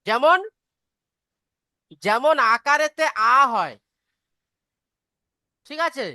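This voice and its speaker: A woman's voice: sits high, lively intonation, extremely slow, bright, forceful tone, no echo, clean studio sound. A woman teaching a beginner reading class online, patiently explaining step by step and asking if students follow.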